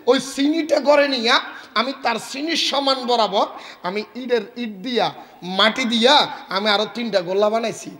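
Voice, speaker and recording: A man's voice: very high voice, moderate pace, big-room sound. A man from Bangladesh with a Chittagonian accent, preaching a sermon and telling a story in which he acts out the voices and quizzes his audience. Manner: lively, acts out the voices of his story, teases the crowd with questions. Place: outdoor religious gathering.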